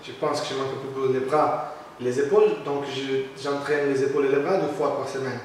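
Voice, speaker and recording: Man, foreign Portuguese accent in French, halting non-fluent delivery, casual interview answers, heavy room echo, distant mic. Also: mid-range voice, flat delivery. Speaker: interviewee, competitive physique athlete. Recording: echoey room, distant mic, faint noise.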